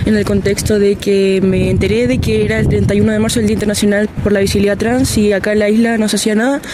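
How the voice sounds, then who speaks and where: Young man, high quick voice. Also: level tone. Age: young adult. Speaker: interviewee. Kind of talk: interview testimony. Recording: noisy outdoor recording with traffic.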